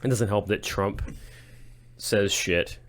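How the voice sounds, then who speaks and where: A man's voice: fairly low pitch, takes it slowly, slight background noise. A man co-hosting a casual podcast, joking and swearing loosely while drinking beer. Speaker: podcast co-host. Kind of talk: casual chat over drinks.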